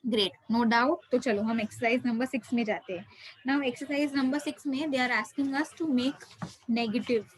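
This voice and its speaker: A woman with an Indian accent, speaking on the high side and rapid-fire, teaches an interactive online French class. She is encouraging and full of praise, often repeating herself. The audio quality is poor.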